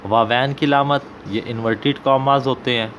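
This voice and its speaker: A man with a Pakistani Punjabi accent, an Urdu teacher working through an exam paper and slowly repeating example sentences. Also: mid-range voice, steady tone, fairly bright tone, highs cut off, slight background noise.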